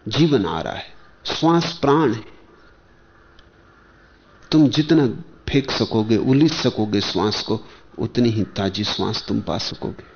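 A man, a spiritual teacher, giving a discourse in measured short phrases with pauses and rhetorical questions. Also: on the low side, slight background noise. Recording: dull lo-fi archival lecture tape.

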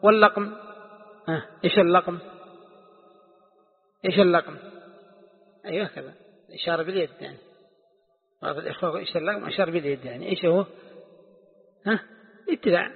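Sheikh, a man lecturing and firing questions at students, high voice, phone-like sound. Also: brisk, vocal fry, long pauses, breathy edge. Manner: quizzes the students with rhetorical questions. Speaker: sheikh teaching tafsir. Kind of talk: classroom lesson explaining a classical text. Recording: tinny lo-fi recording with long hall reverb.

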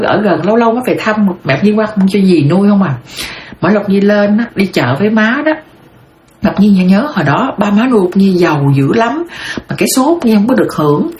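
A woman's voice: mid-range voice, darkish tone. A middle-aged woman from southern Vietnam with a Southern Vietnamese accent. She tells her life story in a rambling, heartfelt way and calls herself by her own name. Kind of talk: personal storytelling monologue. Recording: roomy sound with faint background noise.

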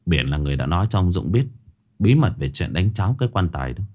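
Man doing a soothing, polite grown man, very low and soft, storybook ghost tale. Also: big pitch swings, quick pace. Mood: reassuring. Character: gentle, reassuring grown man.

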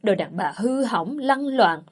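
A woman reading the part of a young servant girl with a shrill voice who loudly tattles. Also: expressive, unhurried, slightly rough. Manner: wailing, accusing.

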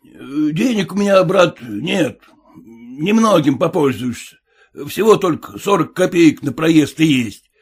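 A man voicing a nervous, haughty gentleman passenger who talks in an indignant, demanding way. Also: on the high side, animated, slow pace, husky, pitched above the performer's own voice, heavily acted.

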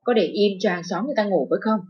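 A woman voicing a gruff, curt older father-in-law who scolds his son and daughter-in-law in a narrated story. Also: medium pitch, rapid-fire, close to an everyday voice. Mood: scolding. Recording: dull lo-fi with faint music.

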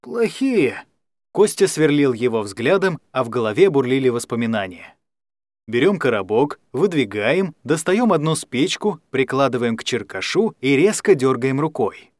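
A man reading a story aloud in a lively, expressive narration style. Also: medium pitch, normal speed, no room sound, studio quality. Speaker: audiobook reader.

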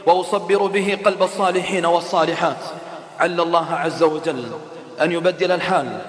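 A man's voice: fairly high pitch, steady tone, a little fast. A man preaching an impassioned sermon, calling out rhetorical questions to his listeners. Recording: echoey hall reverb.

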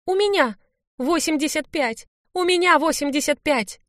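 A woman voicing an excitable young female student who squeals with delight, in an audiobook. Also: moderate pace, no room sound, clean studio sound. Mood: excited. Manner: shrill, squealing.

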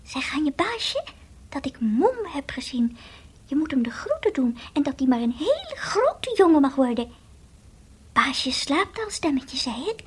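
Here the same toy-dog role from the old 1960s radio play: a woman speaks as a shy, childlike pup, confiding earnestly in a hushed mood. She delivers it unhurriedly in a high, childlike voice with big pitch swings, sometimes sinking to a whisper.

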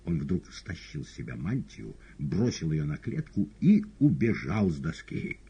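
A man reading an audiobook novel in a calm, steady narration. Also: extremely low pitch, a little slow, husky. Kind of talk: scripted narration. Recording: dull lo-fi audiobook recording.

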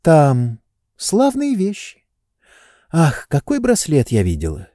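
A playful young woman who teases and dodges questions, voiced by a man reading a storybook aloud. The voice is lifted well above his own, dark in tone and lively in its swings of pitch, with a close, dry sound. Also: slow, no echo, heavily acted. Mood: teasing. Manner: teasing, capricious. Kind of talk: audiobook reading.

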